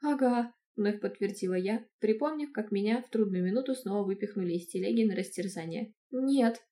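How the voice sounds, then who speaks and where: A woman narrating a first-person fantasy audiobook in a lively, expressive way. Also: medium pitch, fast.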